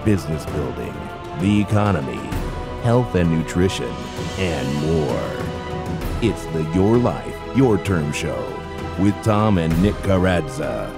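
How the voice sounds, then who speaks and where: A man delivering a dramatic show intro voice-over in a slow, booming announcer delivery. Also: sing-song, vocal fry. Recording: voice over loud music.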